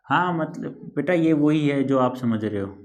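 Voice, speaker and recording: A male teacher giving a spelling lesson, repeating words slowly and calling his students "beta". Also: a little high, lively intonation. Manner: repetitive, drawn-out explaining, addressing students as "beta". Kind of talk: classroom-style Hindi spelling lesson.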